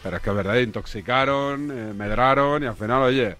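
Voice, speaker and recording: A man's voice: mid-range voice, bright, forceful tone, faint music behind. A man hosting a sports radio show, chatting and joking with a colleague. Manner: joking, quick banter, reads out a text-message number. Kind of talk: casual radio chat.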